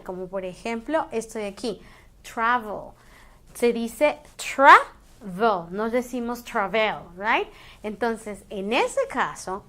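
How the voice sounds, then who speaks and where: A woman with a slightly high voice walks through English grammar rules in a screen-based tutorial. She explains patiently and repeats each example word so it sinks in. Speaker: English teacher.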